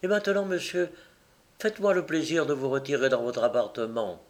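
A man voicing a proud, unloving young wife in an audiobook, speaking in a firm, measured, icy way. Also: mid-range voice, fairly even intonation, close to an everyday voice. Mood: imperious. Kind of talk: audiobook reading.

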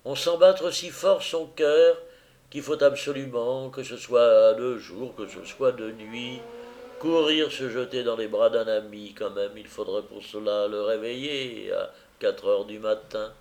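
A man's voice: mid-range voice, unhurried, a little mellow, slight background noise, lightly acted. A man reading aloud as a troubled, rambling middle-aged widower. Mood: wistful.

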